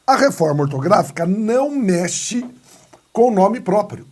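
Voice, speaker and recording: A very animated Brazilian teacher with a high-pitched, darkish voice moves through a grammar lesson at a measured pace. He answers questions he raises himself and acts out short scenes, keeping the class lively with playful asides in his Brazilian Portuguese accent. This is a recorded video lesson.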